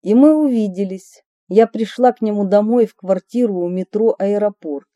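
A woman's voice: mid-range voice, normal speed, warm tone, no room sound, studio quality. A woman reading her memoir aloud, telling the story expressively with a light ironic touch. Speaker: narrator of her own memoir.

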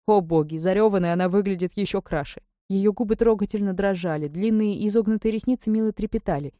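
A woman narrating an audiobook in the first person, measured and wry. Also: mid-range voice, dark tone, no room sound, studio quality.

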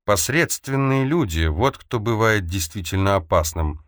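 Man voicing composed middle-aged woman, impassive, deep voice, dry recording. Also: animated, unhurried, fairly bright tone, no room sound. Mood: guarded. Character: calm, guarded middle-aged woman with greying hair.

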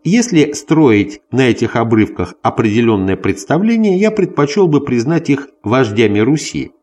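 A man reading a scholarly history text aloud as scripted narration, in a deliberate, bookish manner. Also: medium pitch, sing-song, darkish tone. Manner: deliberate, announces notes and quotations aloud. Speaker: audiobook reader of a history text.

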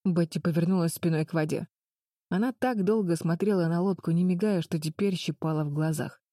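Woman narrator, audiobook, calm even reading, low mellow voice, dry close sound. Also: fairly quick, dry recording.

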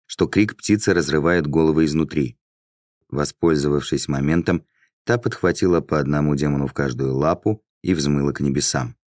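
Very deep-voiced man narrating fantasy. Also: a little mellow, no echo, studio quality. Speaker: audiobook narrator.

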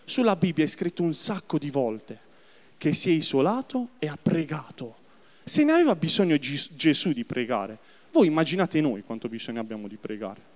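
Male preacher, fairly high voice, animated pitch, long church reverb, sermon to a congregation. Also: normal speed. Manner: lively, addresses the congregation directly. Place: church hall.

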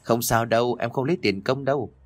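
A man voicing a pale, weeping ghost girl who pleads softly and coldly for help. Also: medium pitch, brisk, husky, no echo, close to an everyday voice. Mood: coaxing. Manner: soft, tearful pleading.

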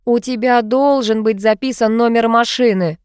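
A woman's voice: fairly high pitch, steady tone, moderate pace, a little mellow, clean tone, dry recording, studio quality, voice pushed up, lightly acted. A woman voicing a brash, sarcastic young man who makes demands and mocks people, read as part of an audiobook. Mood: demanding.

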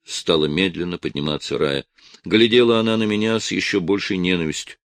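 Male audiobook narrator, deep and gravelly, lively reading, dry close sound. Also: fairly quick, no room sound. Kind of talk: first-person audiobook narration.

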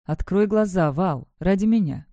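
A soft, tender young brother in an audiobook, caring and quiet, his words coming in a mellow, warm tone, as the reader puts him on. the sound is dry and close, with no room around it. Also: mid-range voice, animated, moderate pace, no room sound, natural voice.

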